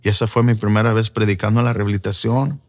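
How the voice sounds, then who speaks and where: A man's voice: fairly low pitch, level tone, fast, a little mellow. A man giving an earnest personal testimony as a preacher, slipping in English fillers. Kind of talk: emotional first-person testimony.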